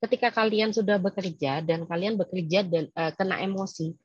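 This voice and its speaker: A woman speaking in a casual, lively webinar talk to staff, teasing and quizzing her listeners. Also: lowish voice, a little fast, husky, no room sound, dull audio.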